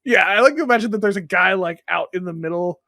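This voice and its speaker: A man's voice: high-pitched, fast talker, gravelly, pushed and bright, no echo, clean studio sound. A man co-hosting a podcast, joking and rambling in casual banter, often laughing at himself. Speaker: podcast co-host.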